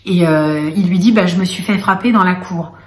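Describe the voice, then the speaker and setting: A woman's voice: on the low side, normal speed, reverberant. Mother recounting into a face cam. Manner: recounting with many fillers and quoted dialogue. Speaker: vlogger and mother. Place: indoor room. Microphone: camera mic.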